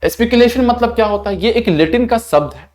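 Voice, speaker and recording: A young Indian man teaches an online vocabulary class in a patient, explanatory way. He stretches words out slowly so students can copy his pronunciation, then checks in with them before moving on. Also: very high-pitched, a little mellow. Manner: frequent check-ins like "thik hai".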